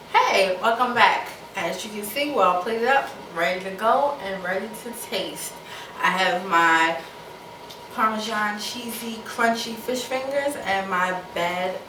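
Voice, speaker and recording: A woman's voice: medium pitch, noisy background. A woman hosting her own cooking show, chatting casually as she mixes and tastes in a home kitchen, often repeating herself. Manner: casual, chatty, repeats herself, talks with mouth full while tasting. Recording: echoey kitchen, mic at a distance, clatter of dishes.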